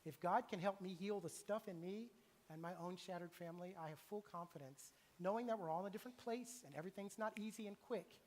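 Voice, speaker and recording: A man's voice: high voice, fast talker, darkish tone. A middle-aged man preaching a sermon in a church, earnest and confessional, talking in a conversational way. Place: church sanctuary. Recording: long reverb of a church hall.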